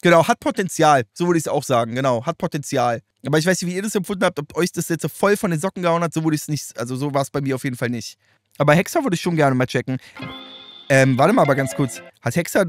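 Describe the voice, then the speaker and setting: A man's voice: fairly high pitch, lively intonation, fast talker, faint music behind. A man giving loose, slangy reaction commentary, chatting and laughing often. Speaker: streamer reacting to rap videos.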